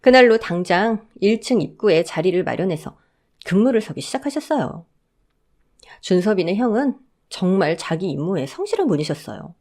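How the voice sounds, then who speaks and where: A woman tells a first-person story in a chatty, conversational way. Her pitch swings widely as she narrates. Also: very animated, normal speed, darkish tone.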